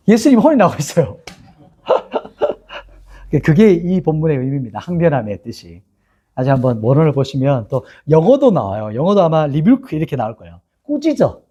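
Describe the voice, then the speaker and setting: A man's voice: on the high side, breathy edge. A male pastor teaching a Bible lesson, asking his listeners questions and reading scripture aloud with them. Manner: animated, asks the congregation questions, reads scripture aloud together.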